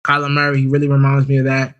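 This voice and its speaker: A man co-hosting a podcast in casual chat, animated and quick to laugh while complaining about his team. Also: mid-range voice, lo-fi sound. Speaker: podcast co-host.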